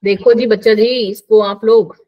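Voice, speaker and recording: A woman's voice: medium pitch, level tone, moderate pace, dull audio. A woman teaching a live online biology class, chatty and coaxing, mixing English terms into her talk.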